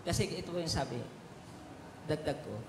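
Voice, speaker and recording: A male pastor preaching a sermon and telling stories with fillers, swinging from soft asides to loud emphatic peaks. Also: on the high side, fairly quick. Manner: storytelling with fillers and Taglish asides. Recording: echoey hall with faint noise.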